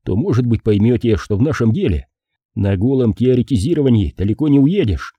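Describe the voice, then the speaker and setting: A sardonic, hard-drinking private detective, read by a man with a dry, unhurried mockery. His voice is warm and husky with lively pitch, close and dry. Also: dry recording. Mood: gruff, sardonic.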